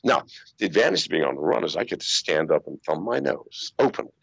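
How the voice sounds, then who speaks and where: An older man, a guest on a video-call interview, tells stories with lots of swearing, laughter and animation. His voice sits low and is slightly rough with vocal fry, and he talks quickly. He wears over-ear headphones in a small room lined with acoustic foam, so the sound is dry with no room echo, though muffled.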